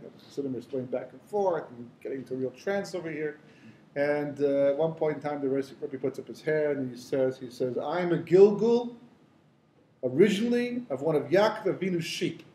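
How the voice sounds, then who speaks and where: Rabbi giving a conversational Torah lecture. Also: male voice, fairly high pitch, warm tone, roomy sound. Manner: conversational, storytelling, many fillers and asides. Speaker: rabbi teaching the weekly Torah portion.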